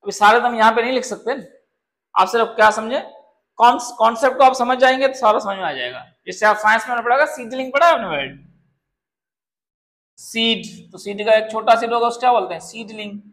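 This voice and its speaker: A man's voice: extremely high pitch, fairly quick, fairly bright tone. A male English grammar teacher from Pakistan giving a patient classroom lesson, calling students "beta" and often checking that they understand. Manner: calls students "beta", explains with word examples.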